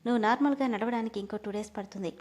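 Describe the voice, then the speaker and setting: A woman reading the lines of a calm, stern young husband in a storybook, lowering her voice and speaking firmly and steadily. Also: racing, close to an everyday voice.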